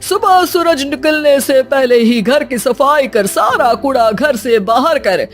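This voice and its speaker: A woman's voice: sits high, lively intonation, takes it slowly, faint music behind. A woman voicing a smug fake holy man in a cartoon, pronouncing remedies pompously.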